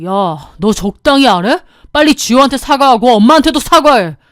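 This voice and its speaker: A woman's voice: high voice, expressive, moderate pace, dry recording, studio quality. A woman voicing a harsh, bossy young husband who barks orders, in a storybook drama. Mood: angry. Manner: barking, commanding.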